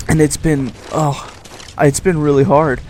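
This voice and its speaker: A man in his twenties giving casual video game commentary, halting, stuttering and mumbling. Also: fairly high pitch, steady tone, noisy background. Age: 20s. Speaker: gaming YouTuber doing commentary. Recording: voice over loud game gunfire.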